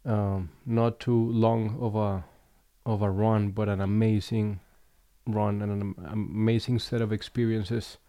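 A man from Colombia hosting a relaxed conversation, speaking reflectively with frequent pauses and restarts. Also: on the low side, no echo. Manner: reflective, unhurried, with fillers and restarts. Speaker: podcast host. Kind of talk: casual conversation.

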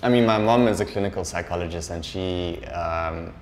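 A young man, hosting a casual podcast interview in a relaxed, hesitant way. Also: low-pitched, moderate pace, slight background noise. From South Africa. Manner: relaxed, hesitant, restarts often. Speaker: podcast host.

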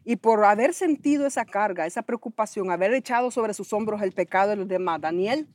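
A woman co-hosting a conversational bible teaching, animated and acting out prayers as she explains. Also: medium pitch, fairly quick, no room sound. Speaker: co-host of a bible teaching podcast.

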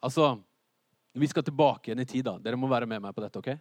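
A man preaching a sermon to a congregation. He is lively and theatrical, asks the hall questions and builds up to shouts. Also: medium pitch.

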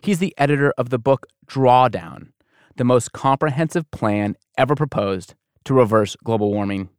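A man hosting a show, reading scripted narration in a clear, steady manner. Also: medium pitch, normal speed, dry recording, studio quality. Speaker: host.

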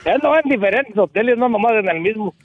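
A man's voice: sits high, expressive, quick pace, phone-quality sound, noisy background. A man, chatting casually and jokingly as a show guest in a rambling, colloquial way. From Mexico. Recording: music playing behind the voice.

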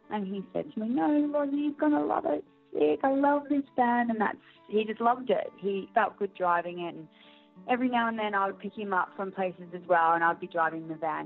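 A young woman, soft and reflective, speaking in a personal interview and laughing often. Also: fairly low pitch. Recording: tinny phone-like audio, faint music.

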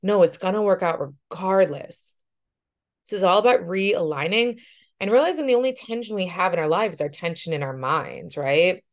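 A woman's voice: on the low side, lively intonation, normal speed. A woman life coach talking through a casual podcast monologue in an earnest way, often checking in with "right?".

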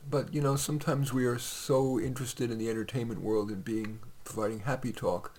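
A man's voice: mid-range voice, steady tone, a little fast, darkish tone. A man reading his own short stories aloud on a podcast, in a conversational way with occasional fillers.

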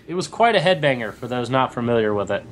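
A man's voice: medium pitch, very animated, fast, a little hiss or hum. A young man co-hosting a casual chat, talking in a rambling way with lots of fillers and restarts. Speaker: podcast co-host.

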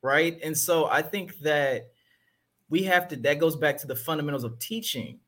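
A man's voice: fairly high pitch, normal speed, a bit bright. A man talking earnestly and emphatically about faith and the church in a casual discussion.

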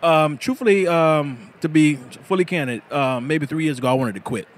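A man's voice: on the high side, moderate pace. A man in his thirties, a bladesmith being interviewed at a food festival, talking earnestly with frequent restarts. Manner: earnest, restarts often, laughs easily. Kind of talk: casual interview. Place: busy food festival, indoors.

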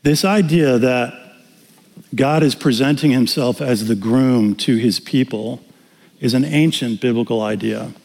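Pastor, male, 60s. Animated storyteller, reverberant sanctuary sound. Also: mid-range voice, unhurried. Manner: animated storytelling, acting out dialogue with humor. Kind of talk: sermon with personal story. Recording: reverberant hall.

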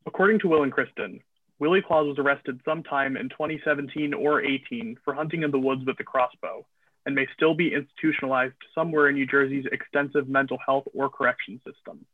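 A male podcast co-host reads his scripted lines quickly and briskly. His voice comes through a thin, tinny video-call connection that squeezes it into a narrow, phone-like band. The room around him sounds dry and close, with no echo. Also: mid-range voice, fairly even intonation. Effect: tinny video-call audio. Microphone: remote video call.

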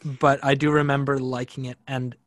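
A man's voice: mid-range voice, level tone, brisk, dry recording, clean studio sound. A man guesting on a casual film podcast, talking in an easygoing, thoughtful way with small stumbles.

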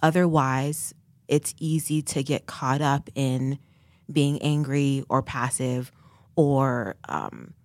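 Deep-voiced woman, earnest and thoughtful. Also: takes it slowly, a little mellow, no room sound. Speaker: podcast co-host. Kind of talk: casual faith discussion.

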